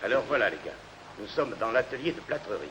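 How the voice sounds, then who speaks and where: A man's voice: mid-range voice, very animated, quick pace. A man giving a plain, encouraging instructor's speech in a 1950s documentary film. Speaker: plastering instructor. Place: plastering workshop. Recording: faintly noisy 1950s archival film sound.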